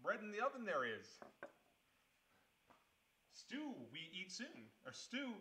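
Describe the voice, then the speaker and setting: Goofy wise alien sage with a put-on aussie twang and backwards phrasing, done by a man, bright and slow. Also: high-pitched, wildly swooping pitch, voice pushed up, exaggerated voice. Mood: playful. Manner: backwards word order, slow and playful. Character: small wise old alien sage with a mock Australian twang.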